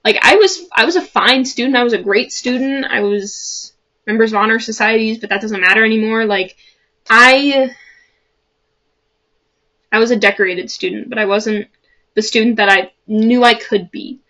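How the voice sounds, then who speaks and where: A woman's voice: a little high, normal speed, pushed and bright. A young woman from the Chicago suburbs, about to start college, talking earnestly to camera in a chatty vlog with many fillers and restarts. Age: young adult. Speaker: vlogger. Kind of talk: casual talk to camera.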